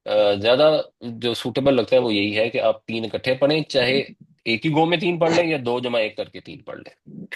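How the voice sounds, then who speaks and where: A man in a mid-range voice teaches a religious lesson. He lays out each point patiently and in steps, as if walking students through it. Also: medium pitch. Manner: patient, step-by-step explaining. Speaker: Quran teacher.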